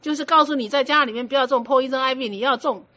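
In a muffled lo-fi recording, a Buddhist teacher gives a dharma talk in a high, bright, forceful voice at a quick pace. She instructs her students firmly and conversationally, checking their understanding with rhetorical questions as she explains.

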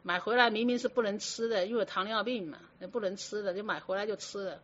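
A woman teaches a Buddhist sermon, often asking her listeners rhetorical questions. Her voice is medium-pitched and her pace is quick. The recording is dull and lo-fi.

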